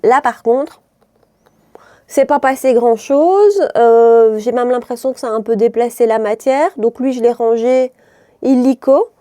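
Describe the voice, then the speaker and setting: A fairly high, mellow voice belongs to a Belgian woman with a mild Brussels lilt, chatting through her makeup routine. She rambles, cuts herself off mid-sentence and laughs easily, recorded close and dry with no room sound. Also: measured pace, no room sound. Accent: Belgian French, mild Brussels. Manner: rambling, self-interrupting, laughs often. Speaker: beauty vlogger.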